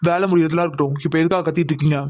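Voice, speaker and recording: Woman playing a steady elder brother, low flat voice, quick, dry sound, cartoon. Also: dry recording. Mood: firm. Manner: firm, gently coaxing. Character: calm protective elder brother, young man.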